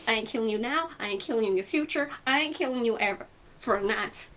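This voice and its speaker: A stern, folksy nanny, voiced by a woman, who digs in her heels with a drawl. The voice sits high and sounds bright and pointed. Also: fast talker, close to an everyday voice. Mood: stubborn. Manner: folksy drawl, insistent denials.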